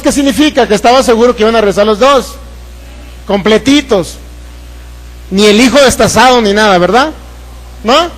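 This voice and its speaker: A pastor with a Mexican Spanish accent preaches a sermon in a very high voice, putting questions to the congregation and acting out voices from the Bible story. The recording is rough.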